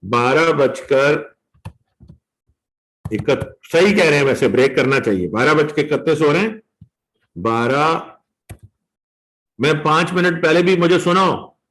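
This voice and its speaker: A man with a Pakistani accent teaching an online law revision class, drawing out the legal phrases slowly and coaxing his students along. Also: a little high, animated, fairly bright tone, rough recording. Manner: mixes Hindi-Urdu with English legal terms, coaxing students; slow and drawn out when reading points aloud. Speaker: law lecturer.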